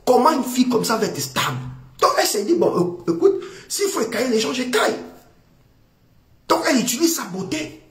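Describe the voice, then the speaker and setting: A man preaching a sermon as a prophet, animated, repeating phrases for emphasis and voicing the people he quotes. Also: extremely high pitch, fairly quick, pauses often, echoey room.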